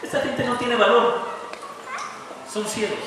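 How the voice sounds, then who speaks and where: A man's voice: very high-pitched, fairly even intonation, measured pace, far from the mic, music in the background. A pastor preaching a sermon, emphatic and full of rhetorical questions to his congregation. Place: church sanctuary. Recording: echoey hall, voice from off-mic.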